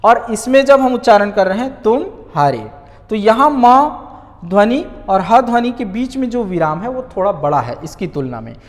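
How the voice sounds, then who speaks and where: In a high, very animated voice that rises and falls widely, a man teaches grammar, repeatedly asking questions and then answering them himself while slowly repeating key words. A long reverb makes him ring out as though he's in a bare hall.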